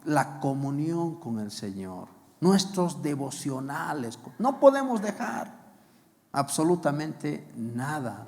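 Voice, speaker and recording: A man's voice: a little high, gravelly, darkish tone. A man preaching a sermon as pastor, asking rhetorical questions and repeating key phrases. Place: church hall. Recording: long reverb of a church hall.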